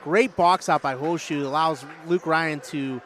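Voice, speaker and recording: A man doing casual, jokey play-by-play for a high school basketball game, chatting with listeners between calls. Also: a little slow, fairly bright tone. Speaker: play-by-play announcer. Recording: noisy gym broadcast.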